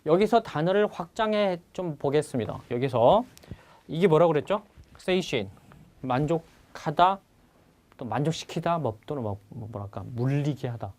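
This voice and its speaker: A man giving an exam-prep vocabulary lecture in a voice pitched a little high. His delivery is animated and rises and falls a lot. He keeps asking his students questions and repeats each key word. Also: normal speed. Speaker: English vocabulary teacher.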